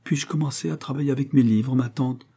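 A man reading aloud voices a timid, polite, bookish young woman who speaks gently and pleads with her aunt. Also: mid-range voice, steady tone, fairly quick, slightly rough, pitched above the performer's own voice.

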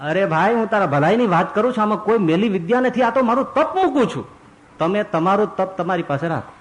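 A confident wandering ascetic who coaxes and persuades in a raised, bright voice, as a male preacher acts him out. He sounds assured of his own power and keeps pressing his offer. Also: high voice, lively intonation, fast talker, voice pushed up. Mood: persuasive. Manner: coaxing, assured.

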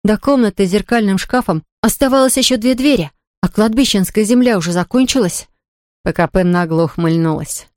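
A woman narrating a children's story aloud in a lively, expressive reading. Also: medium pitch, brisk, no echo, clean studio sound. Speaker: audiobook reader.

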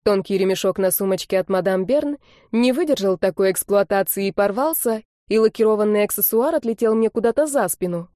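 A woman narrating a first-person audiobook in a lively, expressive storytelling manner. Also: mid-range voice, fairly quick, no room sound, clean studio sound.

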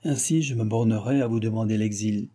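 Soft-spoken young prince, read by a man, dark husky tone, storybook. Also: lowish voice, fairly even intonation, close to an everyday voice. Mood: restrained. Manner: soft, measured. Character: dauphin, young prince, mild and restrained. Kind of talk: audiobook reading.

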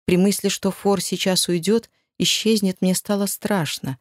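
A woman reading first-person audiobook narration in a measured, expressive way. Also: mid-range voice, no echo, clean studio sound.

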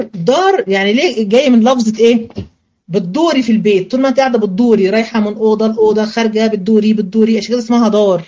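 An Egyptian-accented woman teaches a religious studies lesson in colloquial Arabic, posing questions and answering them herself, then slowing into a chant for verses. Her voice is a little high and dark in tone, and the audio sounds dull.

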